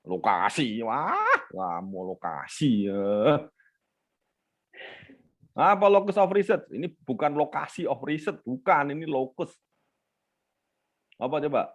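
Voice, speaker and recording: A man's voice: medium pitch, lo-fi sound. A male lecturer, teaching an online class and teasingly quizzing students by name.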